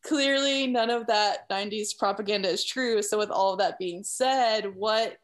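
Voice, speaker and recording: A woman's voice: mid-range voice, moderate pace. A woman talking casually as an interviewer, earnest and emphatic, in long wordy runs peppered with "like". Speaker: interviewer leading the conversation. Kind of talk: casual conversation.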